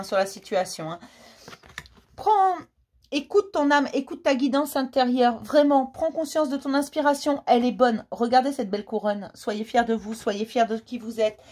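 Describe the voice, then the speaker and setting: Her pitch is fairly high but the tone darkish as she gives a relaxed tarot reading across the zodiac. Fond and chatty, she laughs often and calls her audience her darlings.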